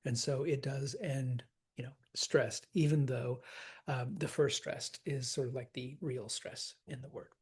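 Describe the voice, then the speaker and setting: Slow husky guy teaching shakespeare meter, taps out the beats aloud. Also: medium pitch, steady tone. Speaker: acting teacher. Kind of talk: teaching verse scansion.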